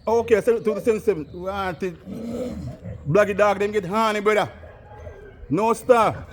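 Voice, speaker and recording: With a high voice and a moderate pace, a Jamaican man vlogs while interviewing a local in casual street chat, some faint hiss or hum in the audio. His patois banter is repetitive, and he shouts over to someone far off.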